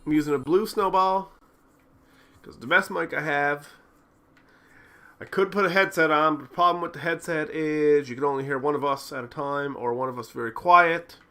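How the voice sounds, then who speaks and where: A man's voice: a little high, normal speed, pushed and bright. A man co-hosting a casual game stream, rambling with filler words into a desktop mic. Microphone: desktop USB condenser mic. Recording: faint computer fan hum.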